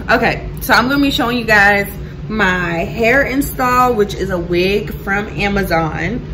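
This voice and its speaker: A woman's voice: mid-range voice, a little slow, noisy background. A young woman opening her vlog in a chatty, grateful way, full of "um" and "y'all". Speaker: vlogger. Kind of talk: casual vlog intro.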